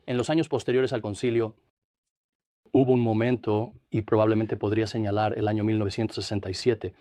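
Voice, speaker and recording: An older man from New Jersey, a priest and interview guest, recounting his life in a measured, reflective way. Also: on the low side, steady tone, warm tone, no room sound, studio quality. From Trenton, New Jersey, USA. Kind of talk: studio interview, dubbed.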